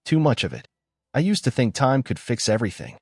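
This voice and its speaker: A man narrating a first-person story in a calm, measured, scripted way. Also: mid-range voice, slightly rough, no echo, clean studio sound.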